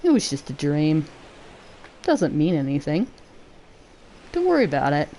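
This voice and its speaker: A woman voicing a terse, aloof young male mercenary with a clipped, flat delivery. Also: deep voice, measured pace, exaggerated voice. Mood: reassuring.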